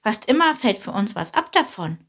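A woman voicing a fat, easygoing male bird in a storybook reading, amused and reassuring, with a breathy tone. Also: on the high side, very animated, moderate pace, fairly bright tone, heavily acted.

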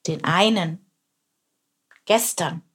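A woman's voice: medium pitch, measured pace, slightly rough. Grumbling wise old lion, voiced by a woman. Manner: grumbling, solemn.

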